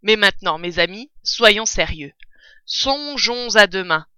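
A woman's voice: mid-range voice, expressive, measured pace, bright, forceful tone, clean tone, no room sound. A woman voicing a bold, clever male fox who leads his family, in a cheery, rousing storybook manner.

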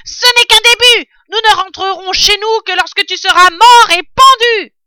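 A woman's voice: high-pitched, big pitch swings, slow, pushed and bright, dry recording, clean studio sound, pitched above the performer's own voice, heavily acted. A woman voicing a furious, hot-tempered male farmer who bellows his threats. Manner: bellowing, vicious.

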